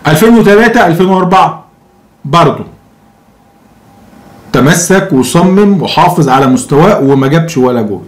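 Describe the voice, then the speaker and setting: A man in his thirties with an Egyptian accent hosts football commentary to camera, full of opinions, sarcasm, mockery and rhetorical questions. His voice is a little high and animated, his pace brisk, broken by long pauses.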